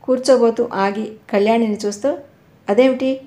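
A woman narrating a novel in a steady storytelling manner. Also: mid-range voice, a little fast. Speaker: audiobook narrator. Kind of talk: novel reading. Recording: roomy echo.

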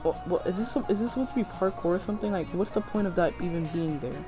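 A man's voice: high-pitched, fast talker. A young man doing casual gameplay commentary in a rambling, slangy, self-hyping manner as a video host. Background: music.

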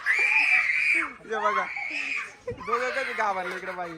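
A woman vlogger talking casually to her viewers, lively, often shouting and laughing. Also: a little high, slow. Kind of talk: casual vlog commentary to camera. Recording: loud crowd and noise behind.

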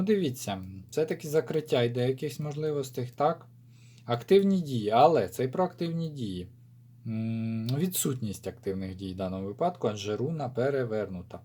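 A man with a Ukrainian accent doing a rune reading, thinking aloud as he lays out and explains the runes, with many drawn-out fillers. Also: mid-range voice, dark tone. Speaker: rune reader. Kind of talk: casual spoken rune divination.

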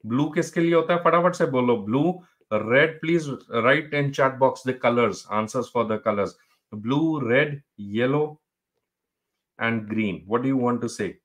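Fast-talking North Indian male teacher. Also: mid-range voice, a bit bright. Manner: encouraging, addresses students by name, often repeats phrases. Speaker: medical exam teacher. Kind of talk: live online exam-review lecture, mixing English and Hindi.

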